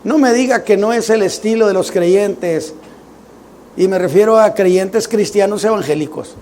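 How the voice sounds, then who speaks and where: A man's voice: high voice, moderate pace, darkish tone, a little hiss or hum. A middle-aged man, preaching a Sunday sermon in a conversational, joking way full of rhetorical questions. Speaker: pastor.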